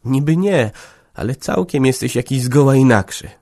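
A man voicing a young peasant wife who chatters eagerly and fusses over her family, his voice pushed high and loud. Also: moderate pace, vocal fry. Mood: tender. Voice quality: raised pitch, loud and excited.

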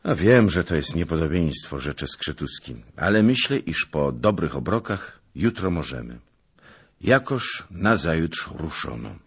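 Male audiobook narrator, extremely low, husky voice, unhurried delivery. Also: big pitch swings. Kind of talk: audiobook reading of a historical novel.

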